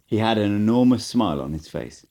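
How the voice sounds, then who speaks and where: A male hobby narrator delivers a first-person story briskly and theatrically. His voice is somewhat low, yet it moves widely up and down in pitch.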